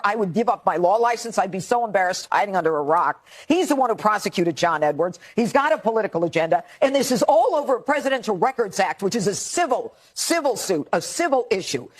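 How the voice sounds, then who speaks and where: A woman delivering an angry, emphatic political rant, slow and deliberate, stressing each accusation. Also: mid-range voice. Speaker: political commentator.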